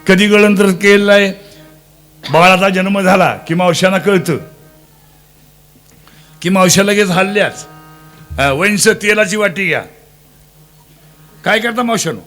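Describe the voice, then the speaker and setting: A man's voice: high-pitched, measured pace, pauses often, a bit bright, faint music behind. A man preaching a devotional kirtan, teasing and quizzing his listeners and breaking into sung verses. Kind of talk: Marathi devotional kirtan sermon.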